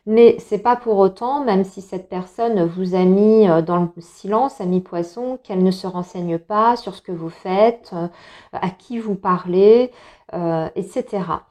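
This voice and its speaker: Woman, tarot reader, talks to viewers in a loose, reassuring ramble, mid pitch. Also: measured pace, warm tone. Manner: chatty, many fillers and restarts, reassuring. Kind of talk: casual tarot reading for viewers.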